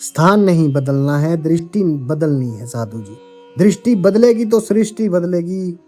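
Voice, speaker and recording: Calm man giving a spiritual discourse. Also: fairly high pitch, soft background music. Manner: calm, measured, addresses listeners as seekers. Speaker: spiritual teacher.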